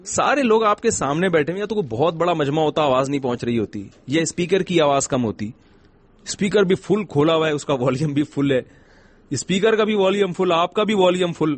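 Husky-voiced man giving a gentle religious talk. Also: a little high. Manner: gentle, humorous storytelling with rhetorical questions. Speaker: Islamic scholar.

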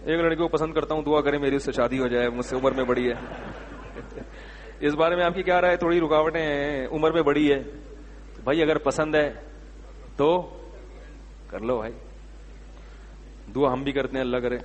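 A man's voice: a little high, fairly even intonation, pauses often, big-room sound, highs cut off, a little hiss or hum. A man giving religious answers to questions in an emphatic, rhetorical manner, sometimes scolding. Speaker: Islamic scholar answering questions. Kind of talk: religious Q&A talk.

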